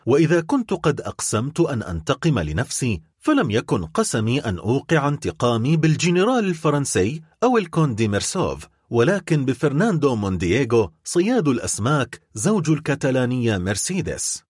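A cold, vengeful nobleman with a husky, biting edge, as a man reads him. His sarcastic delivery swings widely in pitch, recorded close and dry. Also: big pitch swings, brisk, darkish tone, no room sound. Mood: cold bitter. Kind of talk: dramatic audiobook reading.

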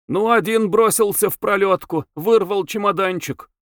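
A brisk, excited bearded townsman rattles on in a raised, hurried voice, as a man reading the story puts him on. He talks fast and eager in a dry, close audiobook recording. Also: sits high, no room sound, voice pushed up.

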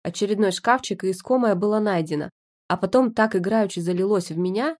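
A woman narrating a first-person audiobook in a lively, expressive reading voice. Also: mid-range voice, brisk. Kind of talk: scripted narration.

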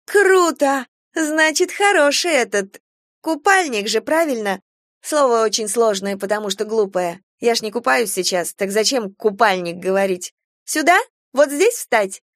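A woman voicing a vicious young girl with a bratty, taunting, shrill manner. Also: lively intonation, measured pace, a bit bright, no room sound, studio quality. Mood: playful bratty. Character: feral young girl turned vicious predator.

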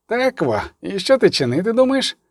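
A jittery young squire mutters low and uneasy, his phrasing homespun and rustic, as a male narrator puts him on. The voice sits a touch high and close, with a dry, dead sound. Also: very animated, moderate pace, dry recording, heavily acted. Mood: uneasy muttering. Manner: muttering, uneasy, folksy turns of speech.

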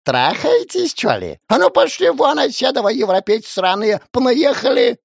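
A man voicing a cranky, foul-mouthed old woman who yells and scolds in a high, shrill voice. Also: wildly swooping pitch, moderate pace, creaky, dry recording, studio quality, heavily acted. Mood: scolding. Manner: yelling, scolding.

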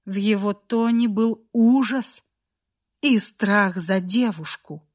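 A woman narrating a dark fantasy story aloud in an emotive storytelling style. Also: medium pitch, slow. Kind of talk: dramatic audiobook narration.

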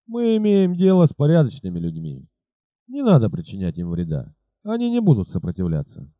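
A man voicing a fierce bearded robber chief in an audiobook, with a gruff, raised delivery. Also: medium pitch, huge pitch swings, a little fast, no room sound, dull audio. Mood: commanding.

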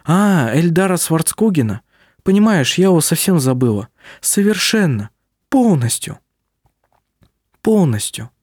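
A man's voice: very animated, unhurried, a little mellow, no echo, clean studio sound. A man reading a novel aloud, voicing a spirited young woman with a raised, emotional voice. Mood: earnest. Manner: raised pitch, emotional and pleading.

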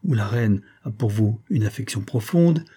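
A man's voice: lowish voice, expressive, normal speed, warm tone, husky. A man reading the lines of an ardent young officer in an urgent, impassioned way. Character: ardent young male officer, passionate suitor.

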